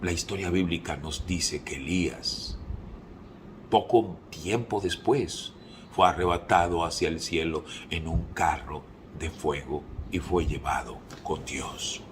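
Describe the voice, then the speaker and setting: A man preaching a sermon, fervent, moving between hushed passages and emphatic peaks. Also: low-pitched, slow pace, slight background noise.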